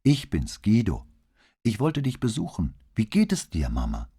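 A man reading an audiobook voices a middle-aged detective who speaks quietly and with restraint. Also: on the low side, wildly swooping pitch, normal speed, breathy edge, voice pushed up, full character voice. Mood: tender. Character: middle-aged police commissioner, reserved, pained son.

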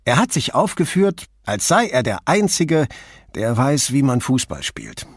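A man voicing Nino, an excitable middle-aged drinker who talks eagerly and pushes his point. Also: medium pitch, measured pace, no echo, clean studio sound, voice pushed up. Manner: eager, talkative, pushy.

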